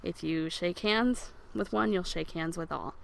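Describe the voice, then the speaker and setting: A woman teaching a beginner French lesson, patiently explaining and modeling words slowly for learners to repeat. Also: lowish voice, vocal fry, a little hiss or hum. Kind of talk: recorded language lesson over slides.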